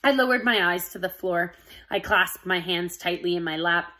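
A woman reading a children's chapter book aloud with expressive storybook narration. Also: fairly low pitch, moderate pace, poor audio. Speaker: audiobook reader.

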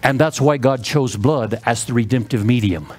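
A man's voice: medium pitch, moderate pace, a little mellow. A man preaching a sermon as pastor, fervent and repetitive, leading his congregation in call-and-response.

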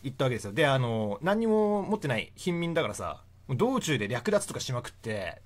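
Man in his young adult years, relaxed and talkative as a history explainer, lively up-and-down delivery. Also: medium pitch, fast. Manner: chatty, laughs often between points. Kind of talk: casual history lecture.

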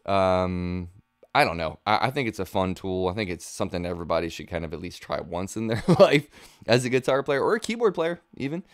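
A man in his thirties talks briskly in a low, very animated voice during an informal guitar gear demo, with no echo. He explains things as he thinks them through, close on a boom-arm studio mic in his small home studio.

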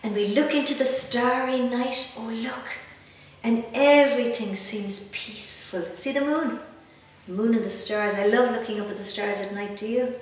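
An Irish guest storyteller in her fifties brings a picture book to life for children, warmly animated, chatting between pages and quizzing her little listeners. Her voice runs on the high side at a moderate pace. Faint noise, a distant mic and room echo mark the recording.

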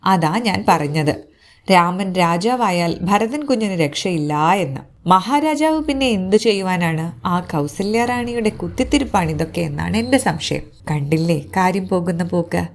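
A woman's voice: fairly high pitch, expressive, measured pace. A woman voicing a scheming female palace servant who mutters and insinuates urgently in a storybook reading. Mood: scheming insinuation.

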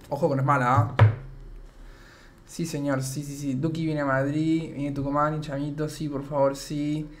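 A man's voice: on the high side, a bit bright, a little hiss or hum. Chatty Argentine young man streaming. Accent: Argentine Spanish. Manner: chatty, rambling, reads chat aloud. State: worn-out voice. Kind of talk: casual live stream chat reading comments.

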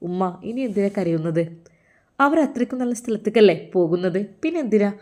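Woman doing a calm, reassuring grown son. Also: medium pitch, brisk, lightly acted. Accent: Malappuram Malayalam. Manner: gentle, reassuring.

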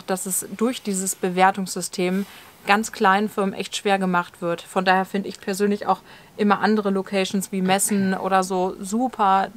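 A woman in her thirties co-hosting a casual discussion, speaking fluently and explaining her views steadily, recorded outdoors in a garden. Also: medium pitch. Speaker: channel co-host. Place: outdoors in a leafy garden, evening.

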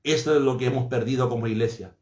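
A man's voice: mid-range voice, fast talker, darkish tone, roomy sound. A man preaching a sermon fervently and emphatically, repeating phrases for effect.

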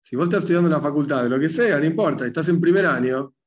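A man teaching a relaxed religious class. His voice sits a bit high, and he tells stories with animated energy, acting out the voices of the people in them. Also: rapid-fire. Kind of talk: conversational religious lesson.

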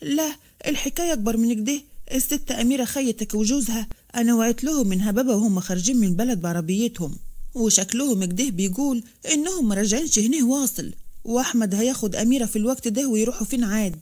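A woman putting on a flustered Upper Egyptian servant man who calls out in alarm, his voice pushed high and quick. It sits in a fast spoken storybook. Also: warm tone, lightly acted. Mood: urgent. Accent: Upper Egyptian Arabic. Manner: urgent, alarmed calling. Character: flustered male servant, breathless messenger.

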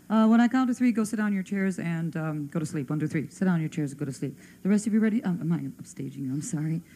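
A woman stage hypnotist running a TV demonstration, giving brisk, teasing commands to her subjects. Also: fairly low pitch, animated, warm tone. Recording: faint noise, 1960s TV audio.

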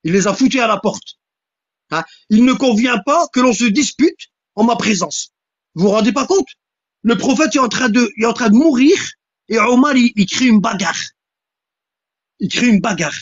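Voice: mid-range voice, animated, moderate pace, no echo, dull audio. A speaker giving a heated religious polemic talk, who keeps stressing points with repeated questions and repeated lines. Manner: insistent, repeats "hein?" and "tu vois?".

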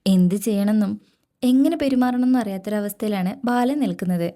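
A woman retelling a television serial episode as a narrator, steady and matter-of-fact. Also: medium pitch, fairly quick. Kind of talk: storytelling episode recap.

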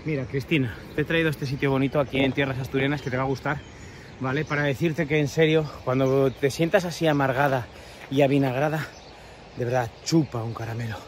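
With a little hiss or hum in the recording, a man speaks briskly in a mid-range voice with fairly even intonation and a Peninsular Spanish accent. He's vlogging a sarcastic, crude, rambling rant while breathlessly hiking up a steep path.

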